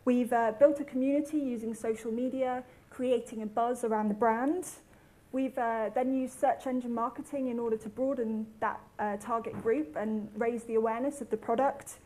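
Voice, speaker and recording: A woman's voice: fairly high pitch, fairly even intonation, moderate pace, dark tone, poor audio. A woman from the UK, giving a rehearsed conference presentation with brief fillers. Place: conference hall.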